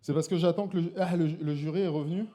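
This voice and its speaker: His voice sits on the high side, warm and steady, and he talks fast. Onstage at a live slam with an audience, this slightly drunk poet and co-host performs his poem, chuckling through playful asides between the verses.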